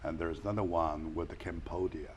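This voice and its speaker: A man hosting an interview show, speaking in a halting way with many fillers and restarts. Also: deep voice, fairly even intonation, a little mellow, slight background noise. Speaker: talk show host. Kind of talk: casual interview.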